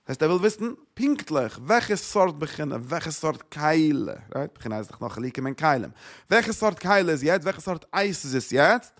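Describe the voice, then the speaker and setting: A man's voice: fairly high pitch, sing-song, normal speed, a bit bright. A man teaching a Torah lecture, repeating phrases and asking rhetorical questions. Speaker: religious teacher.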